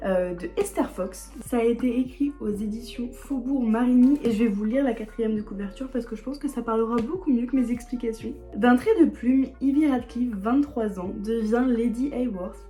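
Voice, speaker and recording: A woman's voice: fairly high pitch, fairly quick, hardly any pauses, mellow, soft background music. Eager young woman chatting about books. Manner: enthusiastic, repeats words for emphasis. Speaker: book vlogger. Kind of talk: casual book haul chat.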